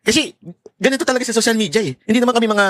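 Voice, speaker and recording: A man's voice: extremely high pitch, rapid-fire, fairly bright tone, no echo, clean studio sound. A man giving heated, sarcastic political commentary to his viewers in a vlog, swearing and laughing often and mixing English phrases into his talk.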